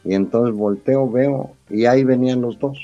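A middle-aged man tells a personal anecdote in a casual, animated way, acting out the lines of the people in it. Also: mid-range voice, normal speed, no echo, dull audio, soft background music. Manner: animated retelling that acts out quoted dialogue. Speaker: storyteller.

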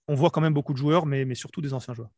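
Casting: quick, hesitant male reporter from southern France, dry close sound. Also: mid-range voice, a little mellow, no room sound. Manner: hesitant, many fillers and restarts. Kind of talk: casual podcast chat.

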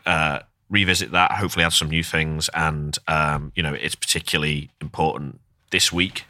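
A man's voice: a bass voice, steady tone, moderate pace, sharp tone, no echo, clean studio sound. A man from Northern England co-hosting a podcast, chatting casually and hesitating often with ums. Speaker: podcast co-host. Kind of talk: casual chat.

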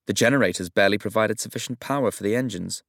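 A man voicing a disdainful, ailing male company president with a hoarse, faint voice and curt manner. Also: lowish voice, fast talker, a bit bright, no room sound, studio quality. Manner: curt, dismissive.

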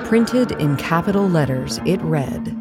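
For an audio play, a narrator reads scripted history in a natural, mid-range voice with lively intonation, backed by music. The tone is measured and factual throughout.

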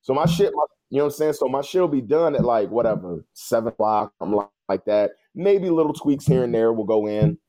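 A man's voice: medium pitch, animated, fairly quick, few pauses, mellow. A man chatting casually as a podcast co-host, informal and conversational, often repeating himself. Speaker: podcast co-host, news producer.

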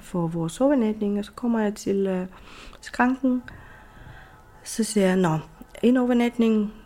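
A woman's voice: medium pitch, gravelly. A woman retells a moving experience from her own life. She speaks with feeling and slips into the voices of the people she quotes. Her tone stays personal and conversational. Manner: lively, tearful retelling with acted quotes. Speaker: storyteller recounting a personal experience. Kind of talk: emotional personal anecdote.

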